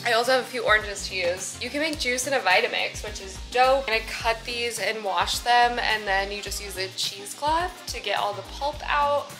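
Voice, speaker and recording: Chatty young woman, slightly raspy voice. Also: fairly high pitch, rough recording. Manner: chatty, relaxed, lots of "like" and "um". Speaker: vlogger. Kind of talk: casual chatty vlog. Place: small apartment kitchen, indoors.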